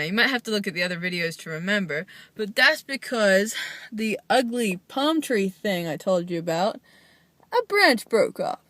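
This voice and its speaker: A woman's voice: medium pitch, bright, forceful tone, dry recording. A young woman, chatting casually to camera in a rambling, chatty way full of "like". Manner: chatty and rambling, many "like" fillers. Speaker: vlogger. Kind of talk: casual chat.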